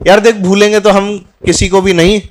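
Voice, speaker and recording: A physics teacher talking warmly and jokingly to his students at the end of a course in a classroom, mixing in English phrases. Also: sits high. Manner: chatty and teasing, mixing Hindi with English phrases. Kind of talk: farewell talk to a class.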